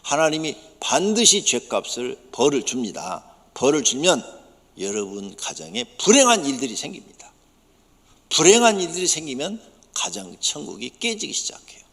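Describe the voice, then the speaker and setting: A man preaching a sermon as pastor, emphatic, dropping to soft low asides and rising to sudden loud bursts. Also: sing-song, moderate pace, gravelly. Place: church sanctuary. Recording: church sanctuary with long reverb.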